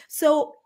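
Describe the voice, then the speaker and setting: A woman from Nigeria, a pediatrician speaking as an interview guest about leadership, earnest and emphatic, often restarting her phrases. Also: a little mellow. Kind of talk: conversational interview answers.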